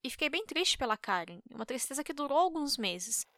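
A woman narrating a story in a calm, steady way. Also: high-pitched, fairly quick.

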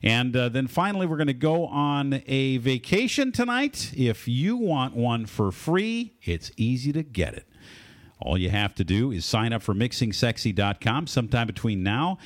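Animated male radio host, dry sound. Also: mid-range voice, moderate pace, no echo. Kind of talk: live talk radio hosting.

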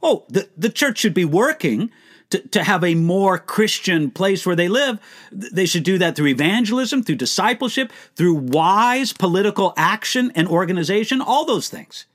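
A man teaching the Bible on a live question-and-answer stream. His somewhat high voice rises and falls with strong expression. He puts rhetorical questions to his listeners in an earnest, emphatic way. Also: lively intonation, moderate pace, fairly bright tone.

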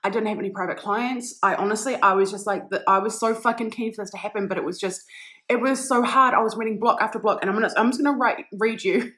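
A woman's voice: medium pitch, quick pace, fairly bright tone. A young woman hosting a solo podcast, talking casually and swearing freely in an upbeat, motivational way. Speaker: podcast host.

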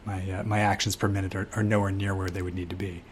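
A man's voice: sits low, little pitch movement, fast talker, a little hiss or hum. A man co-hosting a casual gaming talk show, speaking hesitantly with frequent restarts and fillers. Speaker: podcast co-host. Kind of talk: casual chat.

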